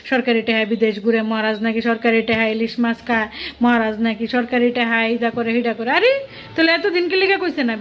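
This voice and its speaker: A woman delivering a sarcastic political rant full of rhetorical questions. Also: sits high. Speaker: political vlogger. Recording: dull lo-fi audio.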